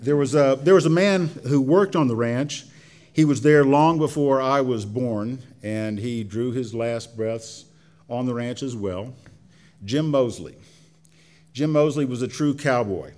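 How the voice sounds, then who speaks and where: A man's voice: medium pitch, darkish tone. Folksy man telling a story live. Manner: folksy, colloquial, drawn-out phrasing with pauses.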